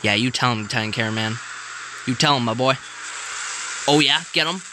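A young man reacting to a video, cheering, yelling and pleading at the screen. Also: medium pitch, a little fast, background noise. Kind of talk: excited reaction commentary.

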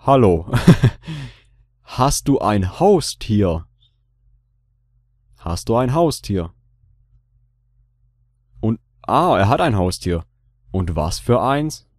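A man's voice: lowish voice, big pitch swings, very slow, long pauses, no echo, clean studio sound. A man hosting a gaming video in casual commentary, joking and repeating his own lines aloud. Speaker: let's play host.

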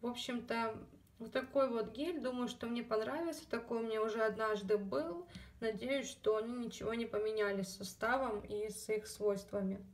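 Recorded from a distance, a woman with a fairly high voice and moderate pace does a casual haul video about her shopping. Slightly scratchy-throated, this beauty vlogger fills her talk with fillers and side comments, addressing her viewers as girls.

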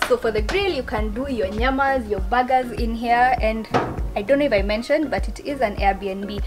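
Girl doing a chatty house tour vlog, bright and bubbly, music playing under her. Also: on the high side, moderate pace. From Kenya. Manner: bubbly, chatty, laughs often. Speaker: vlogger, channel host. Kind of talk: casual travel vlog tour. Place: treehouse holiday rental, partly outdoors.

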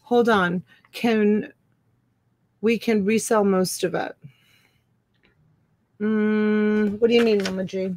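A middle-aged woman hosting a live online auction from a room at home, counting items and calling bids slowly on a webcam. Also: medium pitch, fairly even intonation, a little mellow.

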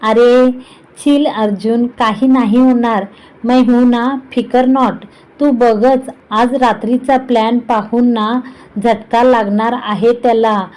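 A woman's voice: on the high side, fairly even intonation, slow, darkish tone, rough recording. A woman voicing a breezy, joking young man in a storybook reading. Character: joking carefree young male friend.

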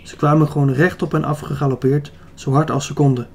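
Mellow-voiced male audiobook narrator. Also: a little high, brisk, a little hiss or hum. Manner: steady, even storytelling. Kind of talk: scripted narration.

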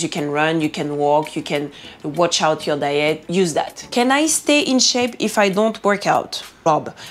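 A woman with a French accent talks straight to camera, answering viewers' questions. Her voice sits low, and she is earnest and encouraging, often restarting mid-sentence. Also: a little hiss or hum. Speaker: fitness and nutrition vlogger. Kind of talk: casual Q&A monologue to camera.

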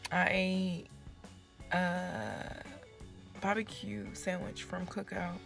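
A woman's voice: lowish voice, little pitch movement, drawn-out words, gravelly, fairly bright tone, faint music behind. A young woman chatting casually to viewers from inside a house, rambling and often sinking into a half-whisper as her voice fades. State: voice fading low. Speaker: vlogger.

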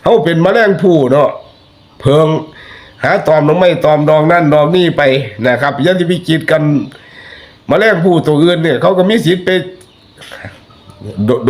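A man with an Isan accent giving chatty, folksy spoken commentary that turns into preachy warnings to his listeners. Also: fairly high pitch. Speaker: online commentator.

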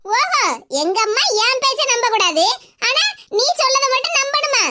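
A woman's voice: very high-pitched, expressive, moderate pace, bright, forceful tone, exaggerated voice. A woman doing a spiteful mocking cartoon sister-in-law. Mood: sarcastic. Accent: Kanyakumari Tamil.

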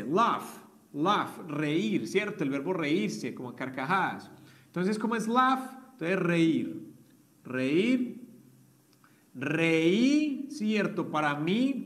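A man's voice: sits high, a bit bright. A man, teaching an online English class and explaining step by step with frequent checks.

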